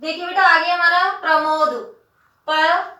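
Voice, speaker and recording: A woman teacher giving a spelling lesson. She speaks patiently, calls her students "beta", and spells words out slowly, syllable by syllable. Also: extremely high pitch, little pitch movement, sharp tone. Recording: echoey room, voice from the mic at a distance.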